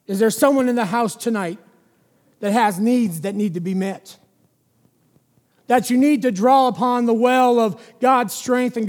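A male preacher giving an evening sermon in a church, emphatic, stretching single words slowly and dropping to a near-whisper. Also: sits high, darkish tone, in a large hall.

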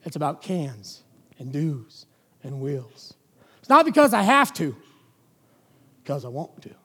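A man preaches an evening sermon in a church, his voice pitched high. He leans hard on key words, then slows to single drawn-out words or falls to a near-whisper. The sound rings with the long reverb of a big hall. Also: big pitch swings, fairly bright tone, breathy edge.

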